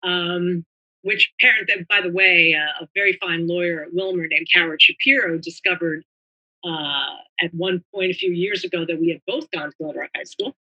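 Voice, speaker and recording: A woman's voice: on the low side, steady tone, normal speed, highs cut off. An older woman from New Jersey, a retired government lawyer, reminiscing in a meandering, chatty way as an interview guest.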